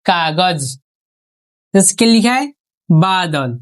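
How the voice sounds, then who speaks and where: In an expressive, slow manner, a woman teaches spelling online, posing questions and then answering them. Each syllable is stretched out, and her pitch falls once every word is finished.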